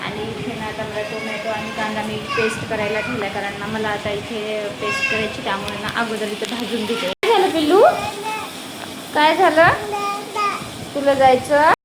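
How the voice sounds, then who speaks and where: A woman's voice: medium pitch, little pitch movement, brisk. Young woman, homely kitchen chat, noisy home recording. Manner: homely step-by-step explaining. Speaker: home vlogger. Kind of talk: casual cooking vlog chat. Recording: home recording with clear background noise.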